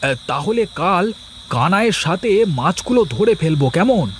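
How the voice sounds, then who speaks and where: A man's voice: high-pitched, big pitch swings, moderate pace, fairly bright tone, slight background noise, exaggerated voice. A man voicing a lazy young village husband who schemes to steal fish for card games. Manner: sly, plotting muttering. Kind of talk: cartoon voice acting.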